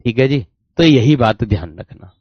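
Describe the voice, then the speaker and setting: Teacher repeating slowly, lo-fi. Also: male voice, mid-range voice, animated, no room sound. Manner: repetitive, dictates slowly, keeps asking if it's clear. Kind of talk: online exam-prep class. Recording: dry, dull lo-fi sound.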